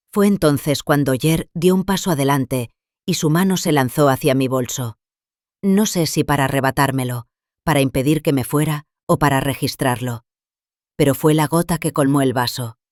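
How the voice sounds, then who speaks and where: An older woman calmly narrating her own story in the first person, measured and scripted. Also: low voice, no room sound, studio quality.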